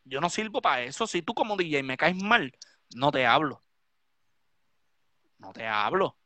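A man's voice: on the high side, animated, measured pace, sharp tone, no echo. A Puerto Rican man, a DJ hosting a live stream, ranting drunk and swearing heavily. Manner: profane, heated, repetitive ranting.

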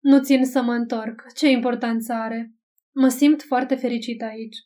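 A woman reading an audiobook, voicing a resigned young man who speaks slowly with a sigh. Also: a little high, fairly even intonation, warm tone, distant mic, lightly acted. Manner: slow, sighing.

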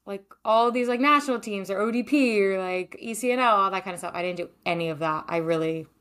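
A woman's voice: mid-range voice, fast talker, fairly bright tone. A young woman from Maryland, a former goalkeeper, answering interview questions in a chatty way with many fillers and laughs. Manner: chatty, many likes and ums, laughs often. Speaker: podcast guest, former goalkeeper.

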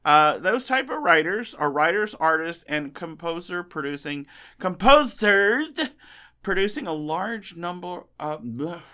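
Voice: mid-range voice, lively intonation, measured pace, bright, forceful tone. A podcast co-host in casual chat, rambling through stories with playful teasing.

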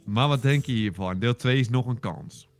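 A man co-hosting a casual podcast chat, excitable and exaggerated, repeating himself for effect. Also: medium pitch, normal speed, faint music behind. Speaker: podcast co-host.

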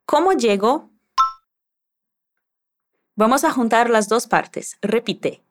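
A woman guides a scripted language lesson at an unhurried pace, her voice rising and falling a lot. She is patient and encouraging and keeps prompting the listener to repeat after her. Her voice sits a little higher than most women's. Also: lively intonation. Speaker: language teacher.

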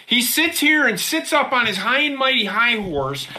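A woman's voice: fairly high pitch, big pitch swings, moderate pace, bright, forceful tone, slight background noise. A woman co-hosting a podcast, ranting heatedly and swearing freely in casual chat. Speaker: podcast co-host.

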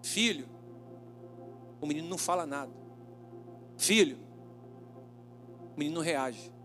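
High-voiced male pastor telling a dramatic story. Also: fairly even intonation, soft background music. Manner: dramatic storytelling, slowing down for emphasis. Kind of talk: sermon.

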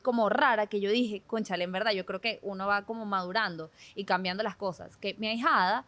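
A woman's voice: mid-range voice, fairly quick, no room sound. Chatty young Venezuelan woman host. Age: young adult. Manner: chatty, expressive storyteller, many "o sea" fillers. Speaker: podcast co-host. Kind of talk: casual chat.

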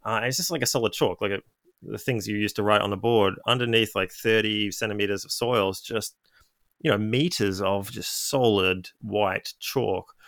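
A man's voice: fairly low pitch, fairly bright tone, no echo, studio quality. A man hosting an interview, explaining in a thoughtful, informative way and asking questions. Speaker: podcast host. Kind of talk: casual interview chat.

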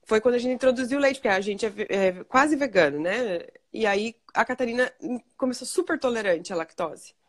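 A woman hosting a casual live chat about parenting, talking fast and acting out the things she and her young daughter say to each other. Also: fairly high pitch. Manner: fast, animated, acts out talks with her daughter. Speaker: host.

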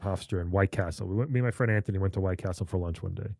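A middle-aged man, a comedian, telling a story in a casual chat and jumping up high for the voices he quotes. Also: rapid-fire, creaky, darkish tone, dry recording, studio quality. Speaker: guest comedian.

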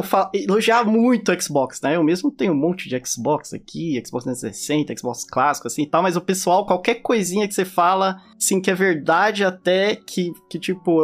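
A man from Brazil with a Brazilian accent, hosting a podcast in easygoing, slangy conversation. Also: high-pitched. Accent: Brazilian Portuguese. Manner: easygoing, conversational, uses slang like "mano" and "tá ligado". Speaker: podcast host.

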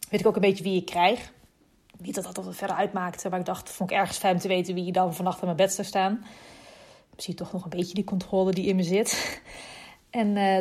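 Calm young woman recounting softly. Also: on the low side. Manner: calm, reflective, soft-spoken recounting. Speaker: mother telling her birth story. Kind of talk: casual personal storytelling.

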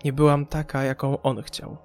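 A man's voice: mid-range voice, monotone, normal speed, soft background music, lightly acted. A man voicing a haunted forty-year-old woman recalling her time in an asylum, in an audiobook. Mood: haunted, pained. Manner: withdrawn, pained recollection.

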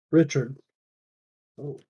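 A man chatting casually while playing a ghost-hunting game, low-key and trailing off into quiet mumbled asides. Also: creaky, husky, muffled recording. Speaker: podcast co-host. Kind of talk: casual gaming chat.

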